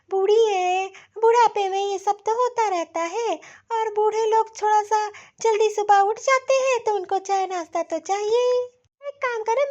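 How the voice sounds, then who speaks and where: A woman voicing a sly young daughter-in-law in a cartoon, sweet-talking and soothing. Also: very high voice. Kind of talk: cartoon voice acting. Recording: slightly dull lo-fi audio.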